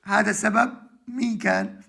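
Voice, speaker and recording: A man with a Syrian accent, delivering an emotional live monologue from home, halting with many restarts and trailing words. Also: sits high, fairly even intonation, creaky, sharp tone. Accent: Syrian Arabic. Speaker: livestream host addressing followers.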